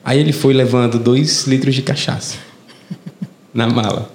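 A young Brazilian man with a Brazilian Portuguese accent, chatting casually as a podcast guest and telling lively stories full of impressions. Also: medium pitch, measured pace, a little hiss or hum. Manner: animated storyteller who mimics voices. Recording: roomy echo, faint ambience.

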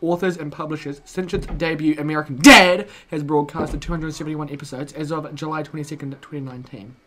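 A man's voice: on the high side, flat delivery, a little fast, fairly bright tone, a little hiss or hum. Goofy teen guy reading aloud. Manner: goofy, stumbling over words, laughing. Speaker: co-host. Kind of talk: casual chat, reading aloud.

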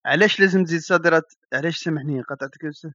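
A man's voice: fairly high pitch, rapid-fire, pushed and bright, lo-fi sound. A man interviewing a guest, asking short, probing questions.

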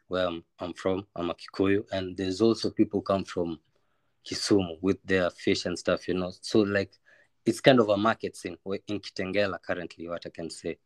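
A podcast guest with a Kenyan accent chats casually, in an informal way, hesitating as he searches for words. His voice is low, and the recording is very dry, with no room sound.

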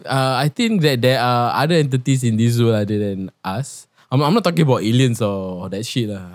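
A man's voice: mid-range voice, a little mellow, dry recording. Young Singaporean man, close dry sound. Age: young adult. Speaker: podcast host. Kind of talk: casual chat and personal storytelling. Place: podcast studio.

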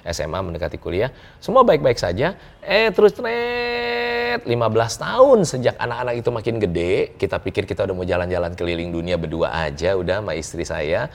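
A middle-aged man, a guest telling a personal story in an interview, animated and quick to laugh. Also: low-pitched, creaky. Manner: animated, laughs often, acts out dialogue.

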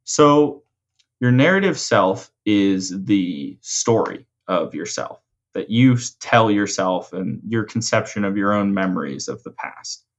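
Low-voiced man explaining ideas, slightly muffled. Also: lively intonation. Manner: measured, explanatory, rephrases points. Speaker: host and coach explaining mental frameworks. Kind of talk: conversational explanatory coaching.

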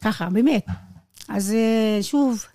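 With a slightly high voice and no room sound, this Bedouin tour guide from Israel's Negev shares personal stories in Hebrew as an interviewee. She is animated, performs the dialogue she quotes, and makes grammar slips typical of a non-native speaker.

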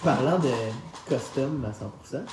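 This medium-pitched man sounds animated and talks at a normal speed over some background noise. A podcast host with a Québécois French accent, he jokes and tells stories colloquially while presenting a car segment. The recording has a roomy echo with music underneath.

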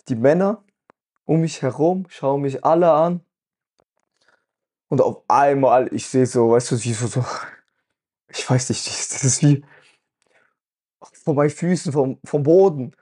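A man talks through a personal experience in a casual, earnest way, often checking in with his listener. His voice sits a little high but sounds dark and mellow, with a husky edge. He speaks as a podcast host sharing something that moved him. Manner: earnest, emotional, full of "weißt du" fillers.

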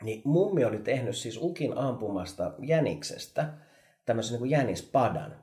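Lively man, echoey room. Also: medium pitch. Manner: animated storyteller, laughs often, many fillers. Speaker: podcast co-host. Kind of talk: casual chat.

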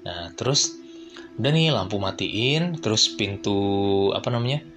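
Man, low voice, casual podcast storytelling, chatty with fillers, faint guitar music. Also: expressive, a little slow, fairly bright tone. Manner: slangy Jakarta-style chat with many fillers. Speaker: podcast host and teacher.

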